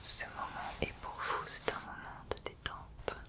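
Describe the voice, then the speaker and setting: A woman's voice: measured pace, pushed and bright. A woman hosting an ASMR unboxing, speaking in a whisper and soothingly addressing the listener directly. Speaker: ASMR video host.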